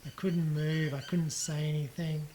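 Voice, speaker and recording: A man giving a casual personal account of his hospital stay, halting and reflective, with frequent ums and restarts. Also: a little high, flat delivery, mellow, slight background noise, poor audio. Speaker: patient recounting his surgery.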